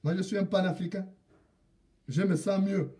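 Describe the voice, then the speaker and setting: A man's voice: high voice, steady tone, moderate pace, mellow, far from the mic. A man from Gabon addressing a president directly in an indignant political rant, repeating proverbs and lines for emphasis. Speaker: political commentator.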